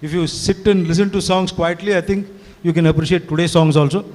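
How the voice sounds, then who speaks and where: A man in his sixties, a Tamil native who organized the event, talks fairly quickly to the audience in a fairly high, darkish voice with fairly even intonation. He rambles fluently, blending Hindi and English and repeating "you know," in a hall with long reverb.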